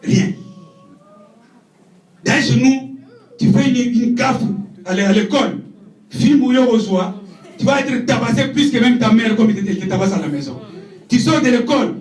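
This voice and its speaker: A man preaching a sermon, shouting with passion and dropping low for asides. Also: expressive, normal speed, long pauses. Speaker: evangelist preacher. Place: church hall. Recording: echoey church from far off.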